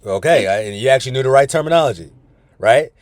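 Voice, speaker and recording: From inside his parked car, a man coaches a weight-loss group over a video call, talking casually and frequently calling everyone "y'all." His mid-range voice is animated and fast, and the recording is dry and studio quality.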